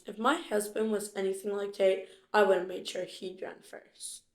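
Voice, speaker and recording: A woman's voice: mid-range voice, level tone, moderate pace, close to an everyday voice. A woman voicing a resentful drowned bride ghost who gripes sourly in a puppet stage play. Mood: bitter. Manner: sour, resentful griping. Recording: roomy echo.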